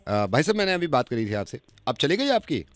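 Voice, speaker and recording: A man's voice: medium pitch, sing-song, very noisy. A man hosting a radio prank call, pushy and needling as he keeps pressing the person on the line. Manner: pushy, fast-talking, needling.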